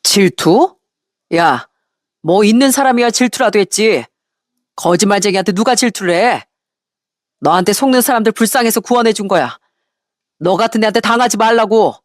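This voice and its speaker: A woman's voice: mid-range voice, lively intonation, moderate pace, long pauses, no room sound, studio quality, lightly acted. A woman voicing a divorced man who answers his ex-wife coldly and firmly. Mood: cold rebuke. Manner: cold, cutting, firm. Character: fed-up divorced man, cold and firm.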